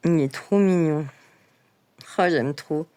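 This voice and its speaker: A woman's voice: low-pitched, takes it slowly, mellow, a little hiss or hum. A woman chatting casually in a vlog about coloring books, enthusiastic and full of fillers. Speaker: coloring book vlogger.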